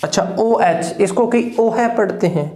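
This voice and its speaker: A teacher walks through a phonetics lesson at a very slow pace, drilling each word by repeating it and correcting its wrong form. The voice is mellow and unhurried. The sound rings a little, as if recorded in an echoey room. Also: medium pitch. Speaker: English teacher.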